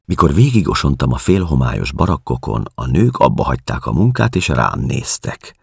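A man reading a novel aloud in measured, somber audiobook narration. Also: very deep voice, very animated, creaky, slightly rough, no room sound, studio quality. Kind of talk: scripted literary narration.

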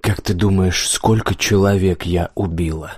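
A man voicing Death as a hooded old woman, weary and bitter, who speaks quietly with a hiss and breaks into angry accusations in an audiobook. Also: sits low, fairly even intonation, unhurried, husky, no room sound, studio quality. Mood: menacing. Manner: quiet, hissing menace rising to angry outbursts. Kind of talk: audiobook character reading.

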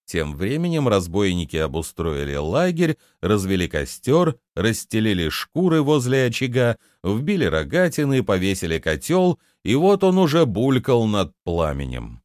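Low-voiced male audiobook narrator. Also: wildly swooping pitch, moderate pace, hardly any pauses, darkish tone, no echo, studio quality.

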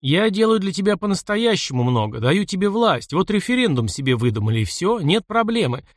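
A man's voice: sits high, big pitch swings, brisk, dry recording, studio quality, pitched above the performer's own voice. A man reading aloud, voicing a brutal, furious man who barks curses and slips into German. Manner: barking, cursing, heavy breathing rage.

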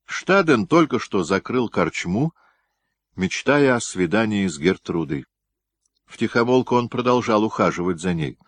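A man narrating an audiobook in an expressive storytelling manner. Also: fairly low pitch, unhurried, dry recording. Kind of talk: scripted narration.

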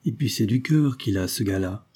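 A man's voice: lowish voice, expressive, normal speed, mellow, breathy edge. A man reading the part of an older, kind peasant mother who talks in plain, earnest country speech.

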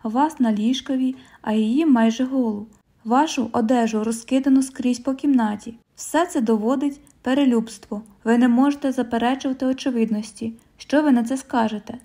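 A woman voicing a stern middle-aged male police commissioner, questioning in a formal, measured way. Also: on the high side, steady tone, dark tone.

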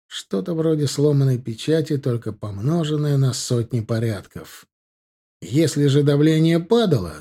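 A man narrating a fantasy audiobook in a steady, measured reading style. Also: on the high side. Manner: steady, measured reading of dense technical prose. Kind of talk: scripted narration.

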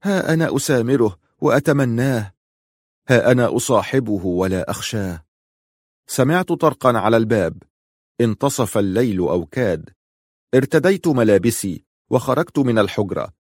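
A man reading an audiobook, slow, grave and mournful. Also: mid-range voice, lively intonation, darkish tone, dry recording, clean studio sound. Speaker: narrator.

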